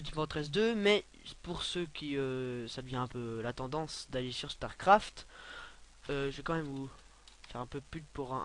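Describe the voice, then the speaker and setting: A young man giving a casual, rambling software tutorial, filling his talk with hesitations and offhand asides. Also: mid-range voice, a little hiss or hum. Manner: rambling, many filler sounds, offhand asides. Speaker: tutorial maker.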